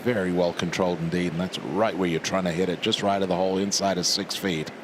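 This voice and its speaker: A deep-voiced man works as a golf commentator on a live broadcast. He analyses shots in measured, clipped phrases. Noticeable outdoor noise sits behind his voice. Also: steady tone.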